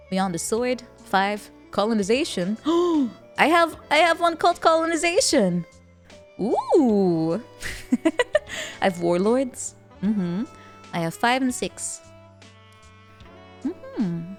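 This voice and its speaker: A woman's voice: fairly high pitch, expressive, slow, long pauses. Cute anime streamer girl, grown woman, chatting playfully on a gaming stream, music going behind her. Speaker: livestreamer. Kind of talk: casual livestream chat while gaming.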